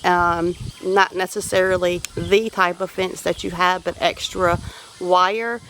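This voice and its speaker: A Louisiana homesteader vlogger with a Southern accent walks outdoors on her farm, talking about her homestead in a casual, practical way. Her voice is fairly low, bright, and steady, and she speaks unhurriedly in a down-to-earth, folksy manner. There's slight background noise.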